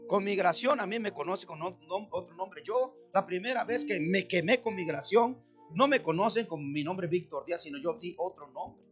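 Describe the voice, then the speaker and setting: A man with a notably high voice gives a heartfelt testimony, speaking earnestly to his brothers and sisters in the faith. Faint music plays softly behind him. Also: moderate pace. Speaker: church member giving testimony. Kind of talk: emotional personal testimony.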